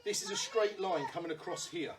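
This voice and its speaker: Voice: medium pitch, expressive, fairly quick. Stage combat instructor, patient and reassuring, talks through drills step by step, mid-range voice, home room, faint background noise. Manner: patient, reassuring, explains step by step with light laughs. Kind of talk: instructional class, calling out drills. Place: room at home during lockdown. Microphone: camera in front of a standing speaker.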